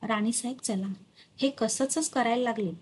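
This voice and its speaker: Storybook role: panicked servant woman, urgent, voiced by a woman, slightly high. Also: darkish tone, husky. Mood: alarmed. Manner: hurried, alarmed reporting. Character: frightened female servant, urgent.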